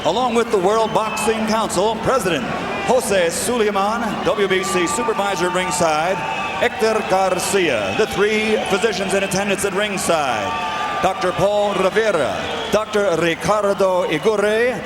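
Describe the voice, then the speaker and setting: A man announcing a boxing match in a showy lucha libre announcer style, booming and stretching out the names. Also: unhurried. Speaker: ring announcer. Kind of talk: formal boxing ring announcement. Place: large indoor arena. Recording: loud crowd noise, echoey arena PA. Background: roaring crowd.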